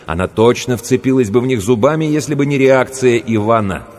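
A man narrating a story as an audiobook in an expressive storytelling manner. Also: medium pitch, a little fast. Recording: long reverb, faint music.

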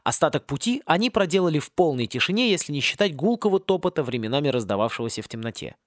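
A man narrating a satirical fantasy audiobook with a lively, expressive reading. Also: on the high side, fast talker, dry recording, clean studio sound. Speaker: audiobook reader.

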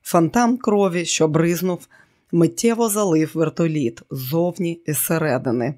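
An audiobook narrator reading a thriller in a steady, even storytelling manner. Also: mid-range voice, measured pace.

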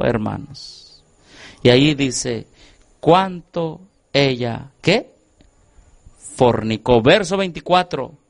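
A man with a high-pitched voice delivers a sermon at an unhurried pace. He reads scripture with weight and keeps asking the congregation questions so they answer back. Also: fairly bright tone. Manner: quizzes the congregation with repeated questions; reads scripture aloud with emphasis. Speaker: preacher.

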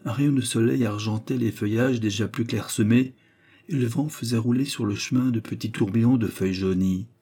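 Dark husky male audiobook narrator. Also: medium pitch, fairly even intonation, moderate pace. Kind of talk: scripted narration of a novel.

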